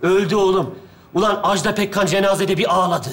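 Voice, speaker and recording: An actor playing a man who comes from twenty years in the future as someone's older self, talking in a rough, bossy way. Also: high voice, roomy sound, slight background noise. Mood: boastful. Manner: rough and bossy, fast and excitable. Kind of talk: sketch comedy acting.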